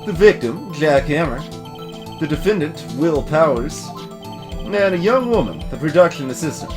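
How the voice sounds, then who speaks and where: A man voicing a gruff, folksy, bumbling male police detective in a fan-voiced game playthrough, tagging his lines with "see?". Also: fairly high pitch, lively intonation, normal speed, voice pushed up, natural voice. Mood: explaining. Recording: music playing behind the voice.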